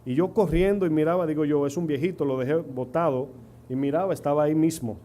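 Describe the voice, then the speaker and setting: A middle-aged pastor from the Dominican Republic preaches at a quick pace in a slightly high, warm voice that holds a steady tone. Speaking with a Dominican Spanish accent, he shares stories and asks rhetorical questions of the congregation, with faint hum and noise in the church recording.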